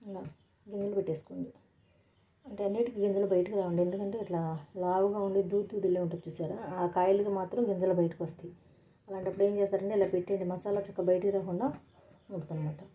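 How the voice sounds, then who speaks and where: A woman's voice: medium pitch, steady tone, fast talker, narrow, tinny audio. A woman chatting through a cooking demonstration in her home kitchen, explaining each step to viewers. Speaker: cooking vlogger. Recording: frying sizzle behind the voice. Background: frying and stirring sounds.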